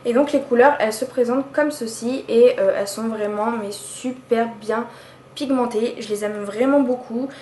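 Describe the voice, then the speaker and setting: Woman vlogger, higher pitch, chatty and hesitant, roomy home recording. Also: steady tone, normal speed, darkish tone. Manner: chatty, hesitant with frequent fillers and restarts. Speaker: beauty vlogger. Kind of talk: casual product haul review. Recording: echoey room with faint background noise.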